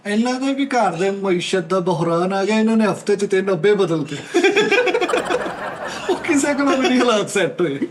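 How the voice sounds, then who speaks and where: A man on a comedy chat show, chiming in with quick one-liner punchlines. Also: high-pitched, very animated, a little hiss or hum. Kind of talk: jokey studio chat.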